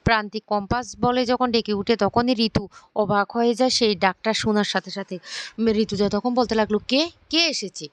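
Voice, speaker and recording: A woman casually retelling a TV serial episode, halting with many fillers. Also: medium pitch, steady tone, no echo. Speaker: storyteller.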